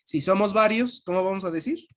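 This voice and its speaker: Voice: medium pitch, a little fast. A language teacher giving an online lesson, patiently repeating and spelling out sounds.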